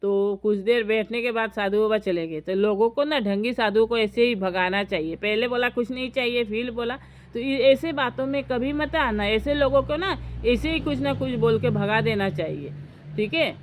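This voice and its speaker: A woman's voice: on the high side, normal speed, a little hiss or hum. Chatty woman vlogger from Assam. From Assam, India. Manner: chatty, retells dialogue, gives earnest advice. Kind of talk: casual storytelling to camera.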